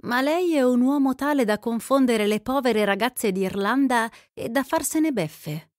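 A woman voicing a mysterious young country girl with a soft, teasing, knowing manner. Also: a little high, animated, measured pace, no echo, studio quality, voice pushed up.

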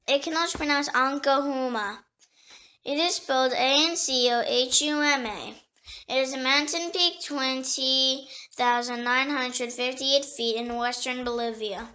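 High-voiced woman reading dictionary entries slowly. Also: steady tone, sharp tone. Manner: slow, careful reading, spelling words letter by letter, with small slips and restarts. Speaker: dictionary reader.

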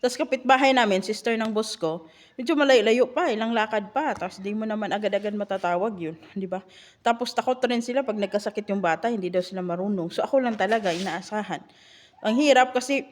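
A woman, a live-in nanny, chatting in a casual vlog with rhetorical asides and animated storytelling. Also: medium pitch.

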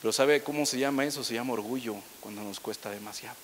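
A man's voice: mid-range voice, fast, big-room sound, a little hiss or hum. A young man preaching a sermon in a church, chatty and joking as he acts out the people he talks about. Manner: conversational preaching with humorous asides, acting out quoted people. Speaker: pastor. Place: church hall.

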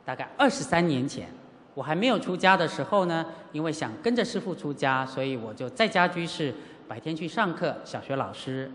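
Animated Buddhist teacher in a reverberant hall. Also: mid-range voice, a little fast. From Taiwan. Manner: animated, acts out dialogue, asks the audience rhetorical questions. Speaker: Buddhist teacher giving a sutra lecture. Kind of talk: sermon with personal storytelling. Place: lecture hall at a Buddhist centre. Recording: long reverb of a lecture hall.

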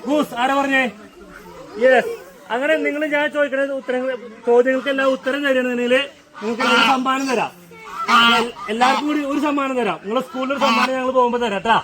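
A man's voice: extremely high pitch, fairly even intonation, quick pace. A man working as a farm guide, giving a playful outdoor class to schoolchildren and quizzing them with questions, raising his voice to be heard. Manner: raises voice to be heard over the children. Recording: loud crowd of children and outdoor noise. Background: loud chatter of many children outdoors.

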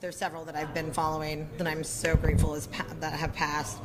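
A woman's voice: low voice, monotone, brisk, very noisy. A woman from Oregon speaking emotionally and from the heart in a convention interview. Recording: location recording with crowd behind.

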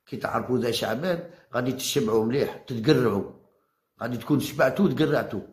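A man's voice: medium pitch, rapid-fire, roomy sound. A man with an Algerian Arabic accent giving a heated monologue to his viewers, combative and repeating his phrases to challenge listeners. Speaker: football commentator vlogger.

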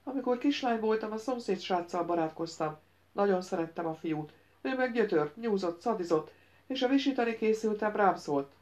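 A woman voicing a gentle, stubborn young woman in an audiobook, speaking in an earnest, pleading way. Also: medium pitch, animated, voice pushed up, lightly acted.

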